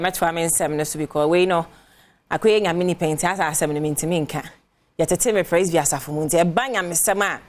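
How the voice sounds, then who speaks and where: A woman's voice: on the low side, a little mellow. A young adult woman with a Ghanaian accent hosting a morning show, chatting with callers and reading entertainment news. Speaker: radio and TV show host. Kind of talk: casual morning show chat, switching between Twi and English.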